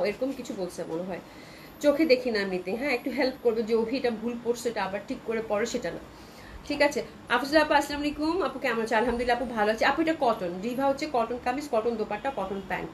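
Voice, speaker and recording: A woman from Bangladesh runs a live clothing sale, talking quickly in a fairly high voice and reading out viewer comments as she goes. A cold has left her throat a little sore. A faint noise sits under the recording. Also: low-quality recording. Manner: chatty, reads out viewer comments. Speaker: online clothing seller. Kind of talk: live sales stream.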